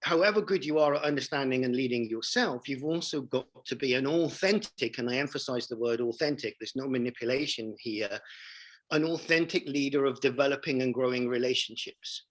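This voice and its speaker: A man's voice: mid-range voice, fairly quick, rough recording. A man in his forties, a leadership coach telling his story as an interview guest, emphatic and enthusiastic, repeating phrases for emphasis.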